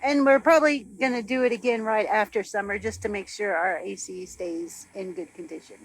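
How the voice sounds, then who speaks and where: A woman co-hosting a casual chat about RV life, upbeat and quick to laugh. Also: medium pitch, steady tone, a little hiss or hum. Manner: chatty and upbeat, laughs often. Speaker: co-host of an RV living channel.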